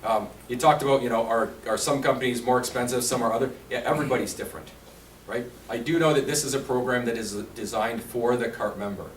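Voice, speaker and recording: A man's voice: medium pitch, fast. Chatty man giving a talk. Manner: chatty, quizzes the audience. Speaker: insurance presenter. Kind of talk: conversational seminar talk. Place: meeting room at a seniors' residence. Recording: roomy, distant, faint hiss.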